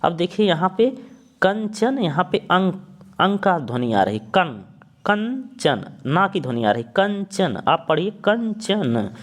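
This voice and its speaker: A man's voice: on the high side, lively intonation. A young man teaching a spelling lesson, sounding out words and spelling them letter by letter. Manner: spells out letters one by one, repeats words slowly.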